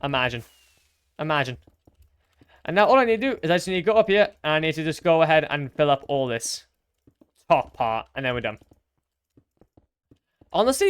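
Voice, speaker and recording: A man's voice: on the high side, clean tone, no room sound. A young man casually commenting to his stream as he builds, chatty and self-mocking, humming little sound effects between remarks.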